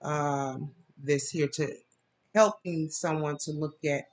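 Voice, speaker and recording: A woman's voice: fairly even intonation, slow pace. A woman giving a casual tarot reading, talking in a rambling, loose way with plenty of fillers. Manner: bursts into laughing, high-pitched mimicry. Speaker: tarot reader.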